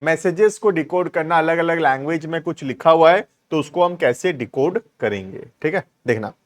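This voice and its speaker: A man teaching a video lesson, dictating English sentences word by word and often asking if it is clear. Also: a little high, moderate pace. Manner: keeps checking understanding with "clear?". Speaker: commerce reasoning teacher. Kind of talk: classroom-style video lesson.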